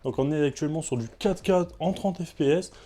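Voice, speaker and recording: Fast-talking man reviewing a gadget. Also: fairly high pitch, warm tone. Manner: chatty, frequent fillers. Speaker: tech reviewer. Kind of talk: product review vlog.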